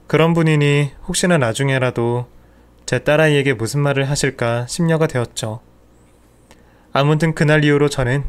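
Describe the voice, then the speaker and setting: A middle-aged man telling a first-person family story in a calm, measured narrating voice. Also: mid-range voice, clear, resonant tone.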